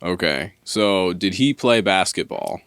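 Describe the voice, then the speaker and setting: A man's voice: sits low, animated, unhurried, fairly bright tone, smooth, no echo. A man hosting a podcast, giving brief affirmations and follow-up questions in a casual chat. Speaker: podcast host.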